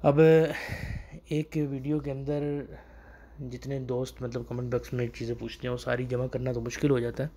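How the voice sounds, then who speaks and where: Guy teaching a casual lesson, says each phrase slow and repeats it a bunch, medium voice. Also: medium pitch, little pitch movement, dark tone. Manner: repeats phrases slowly and drills pronunciation. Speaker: Arabic teacher. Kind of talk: casual spoken language lesson.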